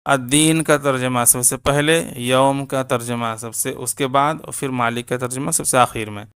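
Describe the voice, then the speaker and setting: A man teaching word-by-word meanings in a slow, deliberate lesson, repeating each meaning. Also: medium pitch, steady tone, a bit bright, clean tone. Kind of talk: step-by-step lesson.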